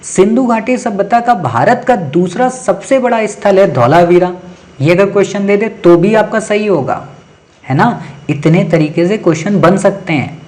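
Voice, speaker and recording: A man's voice: sits high, expressive, normal speed, a little mellow. Repetitive, emphatic exam-coaching teacher man. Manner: addresses students directly, keeps checking with "ठीक है" and "समझ गए"; repeats key points for emphasis. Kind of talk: exam-prep lecture.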